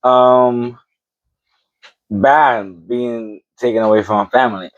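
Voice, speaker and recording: A man's voice: medium pitch, fairly even intonation, slow, no room sound. Hesitant New man, dull dry audio. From the Bronx, New York, United States. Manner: short, hesitant answers with restarts. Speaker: interview guest. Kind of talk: interview answers.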